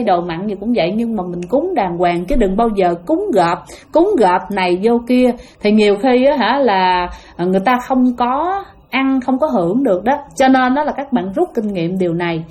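Woman, Southern Vietnamese accent, fairly high voice, chatty, casual ghost storytelling. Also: a little mellow. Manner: chatty, addresses listeners, many fillers.

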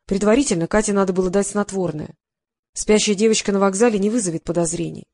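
A man's voice: sits high, fairly even intonation, quick pace, a little mellow, dry recording. A woman reading as a guilt-ridden male psychotherapist. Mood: confessing. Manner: defensive, mumbling confession.

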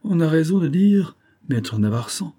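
A man reading the part of a boastful, chatty customs captain in his mid-thirties, full of flattery. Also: a little high, a little slow, pitched above the performer's own voice. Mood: gallant. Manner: swaggering, flattering.

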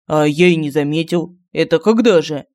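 A man voicing a polite, firm young man who calms down quarrels, in an audiobook. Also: a little high, moderate pace, natural voice. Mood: puzzled. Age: young adult.

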